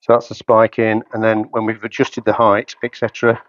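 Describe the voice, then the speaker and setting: Speaking fairly quickly in a completely flat, fairly low voice, this man in his fifties walks through a product setup step by step. He's a hi-fi dealer working hands-on in a carpeted showroom, narrating in brief, matter-of-fact phrases; the sound is lo-fi with no room sound.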